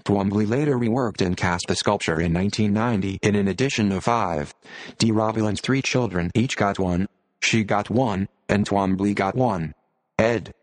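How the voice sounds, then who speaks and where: Male text-to-speech narrator: old speech synthesizer sound, lowish pitch, very dry recording, mechanical scripted reading. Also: dry recording. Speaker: narrator of an audio series.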